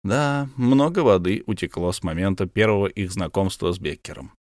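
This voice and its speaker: A man narrating a literary story as an audiobook reader, in a measured storytelling delivery. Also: low voice, a little mellow, no room sound, clean studio sound.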